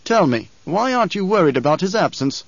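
A man's voice: sing-song, a little fast, vocal fry, no room sound, dull audio, exaggerated voice. A man playing a cold, mocking emperor. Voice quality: baritone, exquisitely controlled, dismissive. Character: cold imperious male emperor, mocking and controlled.

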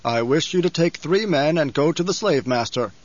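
A coldly menacing older baron acted out by a male audiobook reader. He is scheming and imperious, weighing words with mocking care. The voice sits fairly high for a man, in a very dry space. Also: lively intonation, normal speed, no room sound. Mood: menacing calm. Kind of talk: audiobook character voice. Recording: slightly dull, lo-fi audio.

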